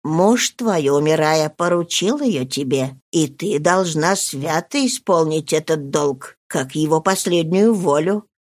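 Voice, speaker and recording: A woman voicing an old female servant, speaking low, soft and slow in a soothing way. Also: animated, no echo, clean studio sound. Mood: consoling.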